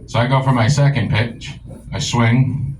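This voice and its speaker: A young man from the rural US doing a stand-up set in a comedy club, telling crude stories with a deadpan delivery. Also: medium pitch, unhurried, slight background noise, low-quality recording. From rural United States.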